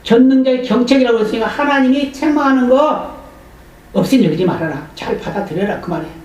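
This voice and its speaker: A man's voice: extremely high pitch, quick pace. Male pastor preaching in a very echoey church. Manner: animated storytelling, voicing the people in the story. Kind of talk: sermon. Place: church sanctuary. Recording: very echoey hall, voice from far off.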